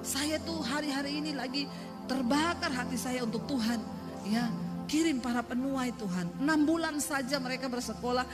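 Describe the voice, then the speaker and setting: A woman's voice: sits high, moderate pace, loud music behind the voice. Emphatic woman preaching in a hall. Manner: emphatic, lively storytelling with acted quotes. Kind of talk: sermon. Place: church hall. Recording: long reverb of a church hall.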